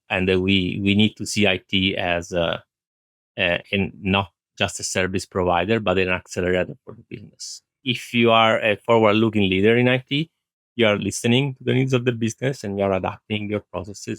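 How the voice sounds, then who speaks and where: An IT director with a lowish, somewhat bright voice gives earnest interview answers, recorded without any room sound. His replies are thoughtful and conversational, and he repeats phrases for emphasis while explaining his views.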